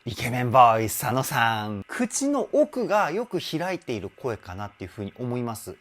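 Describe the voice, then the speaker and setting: Lively, animated male vocal coach. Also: mid-range voice, moderate pace, soft background music. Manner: enthusiastic, explains with sung demonstrations. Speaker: vocal trainer. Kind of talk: vocal analysis commentary.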